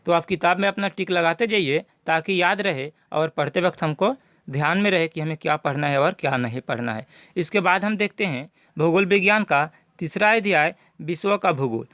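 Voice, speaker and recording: High-voiced man going over a syllabus. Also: fairly bright tone, no room sound, clean studio sound. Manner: methodical, repeats points for students. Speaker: teacher. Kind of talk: syllabus walkthrough lesson.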